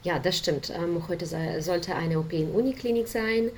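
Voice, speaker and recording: Ukrainian woman, halting German, low-pitched. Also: a little mellow, slight background noise. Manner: hesitant, many fillers, non-native grammar. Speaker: volunteer interpreter guest. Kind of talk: casual interview talk. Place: home office.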